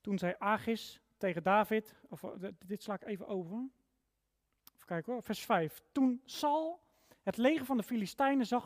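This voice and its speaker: A preacher delivers a sermon in a mid-range voice, reading a long Bible passage aloud. Single words are pressed out with force before the voice falls back quietly. The sound carries a long reverb from a large church hall. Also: medium pitch. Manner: emphatic, stressing single words with sudden rises and drops in loudness.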